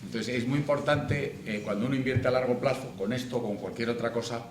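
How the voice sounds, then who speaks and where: Lively middle-aged man speaking in an echoey hall. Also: mid-range voice, a little fast, crowd noise. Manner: lively, chatty, acts out little quoted dialogues. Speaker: financial coach speaker. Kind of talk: conference talk. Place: conference room. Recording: echoey hall with faint noise.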